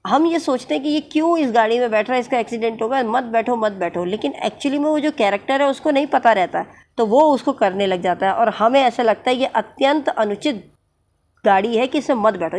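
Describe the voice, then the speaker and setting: Patient woman teacher, higher voice. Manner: explains patiently, slows down to read English definitions. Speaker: English exam teacher. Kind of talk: explanatory lesson mixing Hindi and English.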